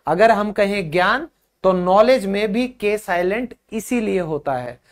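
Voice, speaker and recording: Man, pronunciation teacher, slow unhurried pace, repeats each word, fond toward viewers, video lesson. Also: high voice, animated. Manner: patient explaining with repeated drilled words; addresses viewers as children and friends.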